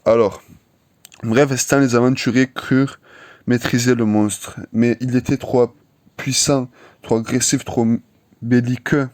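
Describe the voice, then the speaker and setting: Halting comic reader, slow and stumbling, middle pitch. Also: male voice, fairly even intonation, darkish tone, no echo. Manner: halting, stumbling over words with restarts. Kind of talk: reading a comic aloud.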